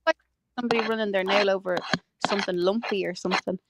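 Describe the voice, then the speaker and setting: A woman's voice: medium pitch, fairly even intonation, fast, background noise. A woman with an Irish accent chatting casually in an online voice chat, laughing often and telling funny stories with plenty of swearing. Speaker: panel member.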